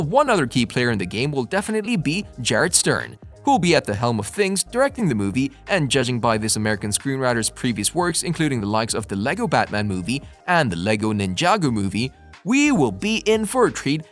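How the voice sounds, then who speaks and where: A man's voice: mid-range voice, fairly bright tone. A man reading a scripted movie-news narration as the narrator. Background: faint music.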